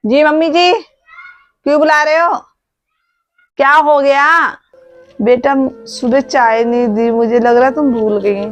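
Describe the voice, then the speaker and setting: A woman playing an elderly mother-in-law in a home-made family drama, speaking softly and patiently. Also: high-pitched, slow, pauses often, muffled recording. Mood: gentle. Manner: soft, patient, pleading. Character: elderly mother-in-law, gentle and long-suffering. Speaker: actor in a family drama skit. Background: background music.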